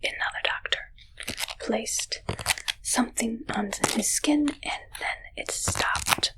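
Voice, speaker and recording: This woman's fairly high-pitched voice belongs to an alien character, curious and suspicious, pretending to be a human medical examiner for an ASMR roleplay. She talks in detached, clipped, halting bits, captured on a low-quality recording.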